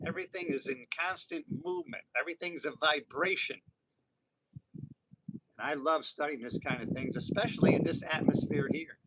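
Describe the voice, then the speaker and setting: Man in his sixties, upbeat motivational live-stream talk, slightly high voice, noisy outdoor stream. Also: very animated, normal speed, vocal fry. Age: 60s. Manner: upbeat, motivational, rambling with restarts. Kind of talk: casual live-stream monologue. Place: outdoors on an island. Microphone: phone or camera for a live stream.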